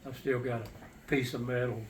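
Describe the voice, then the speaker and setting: An older man, a war veteran, casually recounting his memories in a halting, matter-of-fact, plain-spoken way. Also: mid-range voice, flat delivery. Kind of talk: casual personal storytelling. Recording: distant mic with faint background noise.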